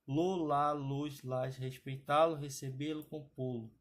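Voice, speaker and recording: A man's voice: mid-range voice, fairly even intonation, takes it slowly. A man teaching an exam-prep grammar lesson over slides, often checking in with his students. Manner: explanatory, adds frequent "tá, pessoal?" checks.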